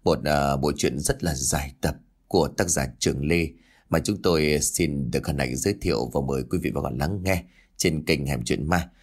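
A man hosting and narrating a ghost story in a lively, dramatic reading style. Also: rumbling low, moderate pace. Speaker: storyteller and channel host.

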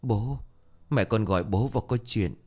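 A man doing a gentle, dutiful young son. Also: fairly low pitch, moderate pace, husky. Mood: gentle sad. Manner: soft, respectful.

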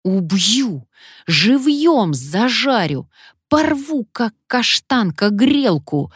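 Woman reading as a furious threatening man, snapping, menacing, lively swings in pitch, slow and deliberate, dry close sound. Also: no echo, full character voice. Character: angry threatening male sponsor.

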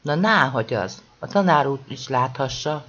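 An eager, cheeky young schoolboy who speaks up quickly and keenly, voiced by an audiobook reader. His voice is husky and lively. The recording sounds dull and lo-fi. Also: medium pitch. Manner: eager, whispering excitedly.

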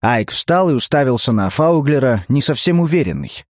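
Male audiobook narrator, mid-pitched, measured, dry close sound. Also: animated, no echo. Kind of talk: scripted narration.

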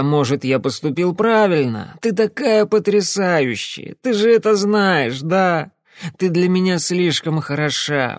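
A man voicing a drunk, belligerent middle-aged man who whines and shouts into a phone. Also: high voice, no room sound, studio quality, pitched above the performer's own voice. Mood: maudlin. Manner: shouting, slurring, whining.

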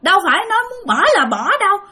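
A woman doing a furious shouting husband. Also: extremely high pitch, sing-song, voice pushed up, full character voice. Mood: enraged. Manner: yelling, indignant, rapid outburst. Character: furious middle-aged husband, shouting defiantly.

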